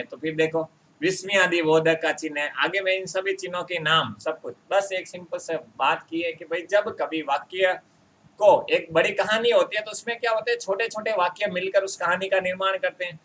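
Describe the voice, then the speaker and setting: Male grammar tutor, high and bright voice, chatty exam-prep teaching that drags out example sentences. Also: poor audio. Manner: addresses viewers as friends, repeats example sentences slowly.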